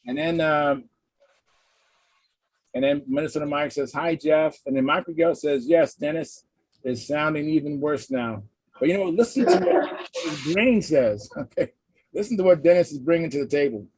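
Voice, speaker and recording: A man's voice: a little high, lively intonation, moderate pace, a little mellow, slightly rough, dry recording, rough recording. Man hosting a casual livestream, dry close sound. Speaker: host of a hobby livestream hangout. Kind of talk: casual chat, reading out viewer comments. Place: live online video hangout.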